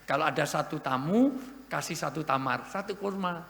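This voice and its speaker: A man preaching a humorous sermon to an audience, lively and joking, with sudden loud emphasis. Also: a little high, moderate pace, creaky. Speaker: Islamic preacher. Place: large hall at an event. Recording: echoey hall with long reverb.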